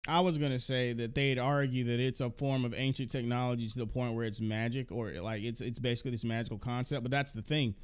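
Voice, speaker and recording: A man's voice: mid-range voice, steady tone, fast talker, hardly any pauses, clear, resonant tone. A man hosting a live stream, talking casually with a co-host, profane and exasperated, often restarting his sentences.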